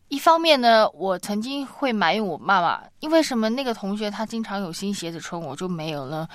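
Woman co-host, casual and storytelling, mid-pitched, dry close sound. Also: lively intonation, fairly quick, dry recording. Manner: chatty, sharing personal stories. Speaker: radio co-host. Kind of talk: casual faith radio chat.

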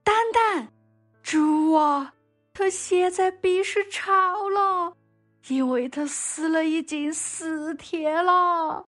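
A woman's voice: high voice, slow, faint music behind, voice pushed up. A woman playing Martha, a pleading grieving sister. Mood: urgent.

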